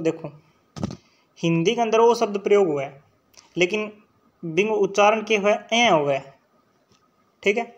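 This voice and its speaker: A man with a Rajasthani accent teaching an exam-prep lecture, sounding out letters and often checking in with his students. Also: high-pitched. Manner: drills sounds aloud, checks in with "theek hai" often.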